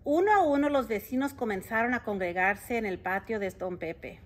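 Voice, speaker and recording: Woman, fairly high voice, expressive read-aloud, chatty asides, storybook narration. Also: moderate pace. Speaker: school board president reading to children.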